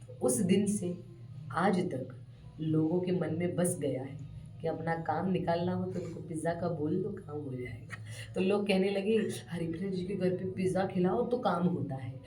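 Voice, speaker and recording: A woman who tells a story with a lot of feeling, acting out the people she quotes. Her voice is soft and dark, and in the middle of her words it often jumps high. She is recorded in an echoey room from a little distance, with faint sound in the background. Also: moderate pace. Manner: acts out quoted voices with rising pitch and loudness. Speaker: devotee storyteller guest. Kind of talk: animated personal storytelling.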